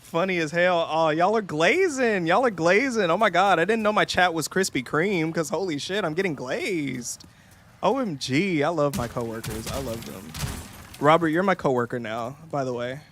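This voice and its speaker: Young male game streamer, loose and profane, fond of mocking put-on voices, slightly high, sharp-edged tone. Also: expressive, normal speed, a little hiss or hum. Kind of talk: casual gameplay streaming chat.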